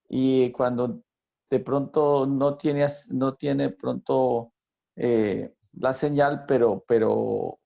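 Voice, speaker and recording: A man's voice: mid-range voice, vocal fry, dark tone, dull audio. A man tutoring a Bible class, who repeats phrases for emphasis and quizzes his students. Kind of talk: teaching a Bible lesson to a class.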